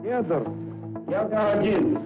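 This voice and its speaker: A man's voice: sits high, slow pace. Man calling launch commands over echoey radio. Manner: clipped, repeated command calls. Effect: crackly space-launch radio transmission. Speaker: launch control radio operator. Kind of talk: archival radio communication. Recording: echoey distant archival radio with music underneath.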